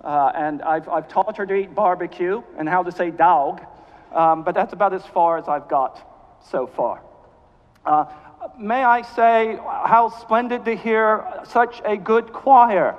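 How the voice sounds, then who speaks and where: In a church, a jet-lagged canon of a cathedral preaches a guest sermon in a voice that sits high. Hailing from South Carolina, USA, he speaks with a mid-Atlantic blend of Southern American and British, genial and unhurried, with dry humor. The sound is dull, with a long reverb tail.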